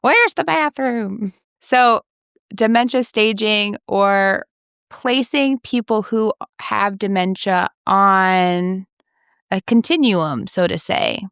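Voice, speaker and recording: A young woman co-hosting a podcast as a speech therapist, telling work stories in a relaxed way and laughing often. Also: mid-range voice, smooth, no room sound, clean studio sound. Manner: storytelling, laughs often, unhurried. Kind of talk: casual podcast chat.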